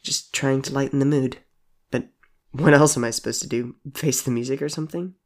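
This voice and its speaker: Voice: medium pitch, fairly even intonation, brisk, darkish tone, lightly acted. A storyteller voicing C J, an eighteen-year-old who jokes wryly to cover hurt. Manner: wry jokes over hidden hurt. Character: self-deprecating young person named C J, age eighteen. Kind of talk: audiobook character voice.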